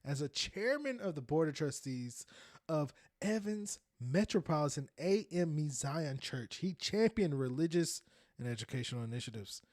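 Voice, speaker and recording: With a fairly high, expressive voice and a darkish tone, this man in his thirties hosts a podcast, browsing and reading things aloud as he comments. He speaks at normal speed, laughs a lot and stays lively, recorded dry in a clean studio.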